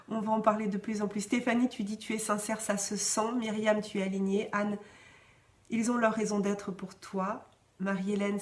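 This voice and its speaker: A woman podcast host chatting casually and encouragingly, reading listener comments with frequent restarts and light laughter. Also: mid-range voice. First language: French. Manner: warm encouraging, often laughing; hesitant restarts, varied pace.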